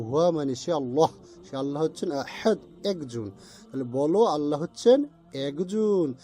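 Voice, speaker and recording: Man, Quran word-by-word lesson, very slow delivery, mellow tone, quizzing listeners, faint music behind. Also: fairly high pitch. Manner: slow, drawn-out recitation of Arabic forms, repeatedly asks "ভাই". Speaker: Quran teacher.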